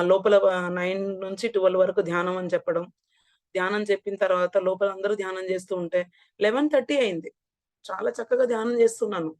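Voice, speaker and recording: A woman's voice: medium pitch, darkish tone, no echo. Earnest Hyderabad woman telling a story. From Hyderabad, India. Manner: earnest storytelling, voicing others in quotes. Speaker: meditation practitioner sharing experience. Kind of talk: personal testimony.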